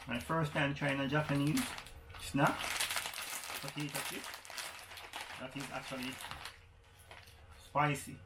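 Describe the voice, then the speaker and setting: A man with a Jamaican accent chatting casually as a food vlogger, unhurried and pausing between short phrases. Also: fairly high pitch, steady tone. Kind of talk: casual food review chat. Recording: echoey room with crinkling handling noise.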